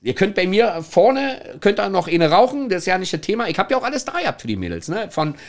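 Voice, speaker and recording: A man's voice: high-pitched, sing-song, fast talker. A middle-aged man, telling anecdotes in a chatty way, laughing often and checking in with the listener. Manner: chatty, laughs a lot, tags lines with "ne?". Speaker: former toilet attendant telling stories.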